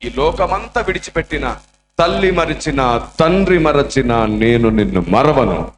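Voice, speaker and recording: A man speaking as God in a gentle, reassuring voice. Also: mid-range voice, lively intonation, a little slow, slight background noise, close to an everyday voice. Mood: comforting. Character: God, a tender comforting male voice. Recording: echoey room.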